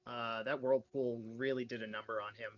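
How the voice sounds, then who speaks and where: A man's voice: medium pitch, flat delivery, fairly quick, lo-fi sound, a little hiss or hum. A man playing a tabletop role-playing game, casually telling events as his character.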